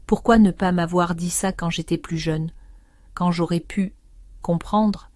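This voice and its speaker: A bewildered young man, as a woman narrator puts him on, protesting in hesitant bursts in an audio story. The voice stays low and warm, recorded dry and close. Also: steady tone, measured pace, dry recording, natural voice. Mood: confused protesting. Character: young man, confused, defensive nephew.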